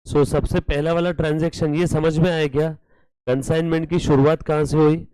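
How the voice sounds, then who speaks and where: A man's voice: fairly high pitch, level tone, normal speed, dark tone, smooth, dry recording, rough recording. A man teaching accounts to a live class, with a slight tinge, who keeps questioning students and scolds them playfully. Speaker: accounts lecturer. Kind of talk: classroom lecture mixing Hindi and English.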